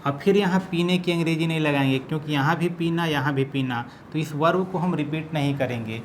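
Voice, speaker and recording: Brief: male grammar teacher, slightly high voice, slow patient delivery, faint hiss behind. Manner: slow, repeats each phrase while writing. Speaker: English teacher. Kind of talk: classroom grammar lesson.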